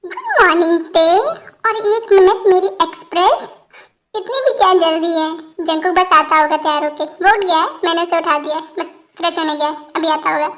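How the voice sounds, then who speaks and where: A woman's voice: very high voice, fairly even intonation, normal speed, a bit bright. A woman voicing a doting middle-aged mother who scolds lightly and fondly.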